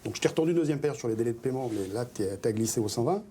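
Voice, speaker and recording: Boastful male job candidate on TV; fast, husky delivery. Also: medium pitch, lively intonation, mellow. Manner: boastful, self-assured. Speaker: job candidate in a televised recruitment exercise.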